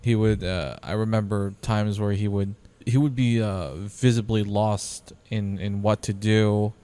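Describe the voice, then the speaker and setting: A man speaks gently and thoughtfully on a casual podcast. His voice is low and smooth, and he hesitates often with "uh" as he picks his words. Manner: calm, measured, hesitant with "uh". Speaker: podcast co-host.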